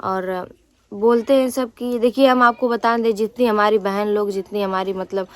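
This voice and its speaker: A young woman vents to her viewers in a loose, casual vlog. She sounds aggrieved and rambles, restarting her sentences and leaning on fillers. Her voice sits at an ordinary pitch for a woman. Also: fairly even intonation, normal speed, no room sound. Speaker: vlogger.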